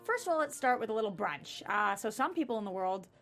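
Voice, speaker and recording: A woman's voice: mid-range voice, expressive, fairly bright tone, soft background music. A young woman co-hosting a casual panel chat about a TV show, chatty and emphatic. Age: young adult. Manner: chatty, emphatic and quick to gush. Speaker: co-host.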